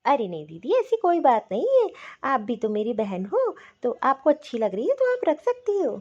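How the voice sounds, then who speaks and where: A woman's voice: high voice, huge pitch swings, normal speed, darkish tone, muffled recording, heavily acted. A woman voicing a cheerful young newlywed bride who speaks earnestly about her new in-laws. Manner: earnest, emphatic.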